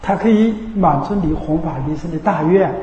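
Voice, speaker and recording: A man with a high yet mellow voice gives a dharma talk as a Buddhist teacher. He speaks in a chatty way and keeps asking his listeners whether they follow. The sound rings through a roomy hall with a long reverb. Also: normal speed, muffled recording, slight background noise. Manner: conversational, keeps checking with listeners by asking "you know?".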